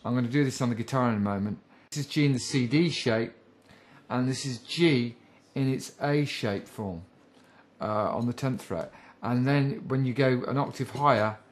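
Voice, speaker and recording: Chatty man teaching guitar theory. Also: medium pitch. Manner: chatty, self-deprecating, encouraging. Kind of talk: casual spoken music lesson.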